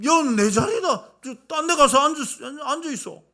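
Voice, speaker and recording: Male pastor voicing a shrill, huffy older deaconess; loud, sharp, heavy dialect. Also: lively intonation, normal speed, heavily acted. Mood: indignant. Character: fussy older woman church deaconess.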